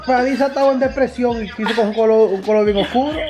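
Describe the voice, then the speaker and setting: A man's voice: very high voice, rapid-fire. A man in casual conversation. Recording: music over conversation.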